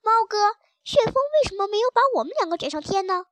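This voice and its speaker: A jittery, dim-witted little storybook dog, as a woman reads him, asking questions in a high, anxious voice. The sound is dry and close. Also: very animated, quick pace, no room sound. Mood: nervous. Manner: nervous, naive questioning. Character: timid, simple-minded male dog.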